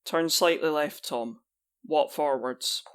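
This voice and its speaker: An actor playing a practical, logical team adviser who reasons and gives directions in a fantasy game drama. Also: male voice, on the high side, slow, clean tone. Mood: focused, reasoning.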